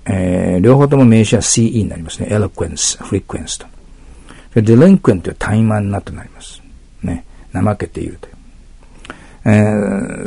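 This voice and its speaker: A man teaching English vocabulary in an e-learning lecture, explaining patiently, correcting himself, often clearing his throat and trailing into a whisper at sentence ends. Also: lowish voice, dark tone, no echo. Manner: explains patiently, self-corrects, asks rhetorical "ね".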